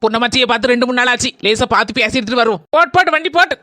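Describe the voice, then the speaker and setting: Chatty cartoon neighbor woman, voiced by a woman, Kanyakumari Tamil accent, fast, fairly high. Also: lively intonation, very noisy, natural voice.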